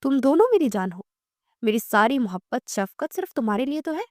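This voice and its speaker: A woman's voice: high voice, sing-song, a little fast, no room sound, studio quality. A woman voicing a doting indulgent father. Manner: affectionate, indulgent. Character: doting middle-aged father.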